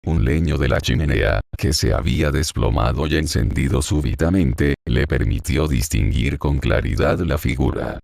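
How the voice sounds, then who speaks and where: A man narrating an audiobook chapter in a slow, measured reading. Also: extremely low pitch, creaky, darkish tone, no room sound, studio quality. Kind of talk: scripted narration.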